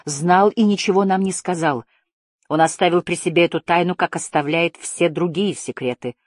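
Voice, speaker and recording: A woman's voice: fairly low pitch, moderate pace, no echo, clean studio sound, natural voice. A woman voicing a teenage boy hero, heated and accusing, his voice trembling. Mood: bitter.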